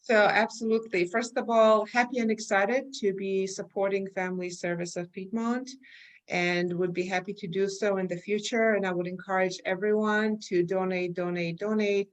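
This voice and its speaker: A middle-aged Armenian woman, chair of a research company, answers interview questions as a guest. She has a slight Armenian accent and a mid-range voice, explaining in a measured way with frequent fillers. The recording is low quality.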